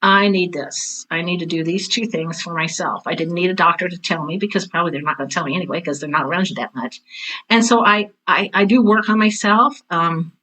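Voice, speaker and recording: An older woman, an author and drama teacher, speaks casually as a podcast guest, blunt and candid with a self-deprecating streak. Her voice is lowish, brisk and fairly bright, though the recording is low quality.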